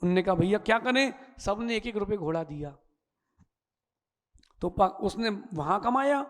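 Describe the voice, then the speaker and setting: A Jain monk giving a sermon, telling folksy stories and acting out the characters in a lively way. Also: male voice, high voice, moderate pace. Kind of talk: sermon with storytelling. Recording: long hall reverb.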